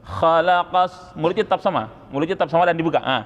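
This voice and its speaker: A man's voice: on the high side, racing, dull audio. A man coaching students on Quran recitation, correcting their pronunciation and demonstrating sounds over and over, with a teasing edge. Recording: hall reverb, faint ambient noise.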